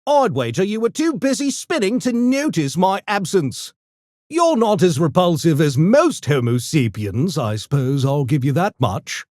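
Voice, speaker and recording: Brain Gremlin, pompous high-voiced cartoon creature. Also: male voice, big pitch swings, a little slow, darkish tone, no room sound, clean studio sound. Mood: smug, urbane. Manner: pompous, wordy, mock-genteel diction. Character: small, erudite, smug male gremlin genius with mischievous menace. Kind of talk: video game character voice lines.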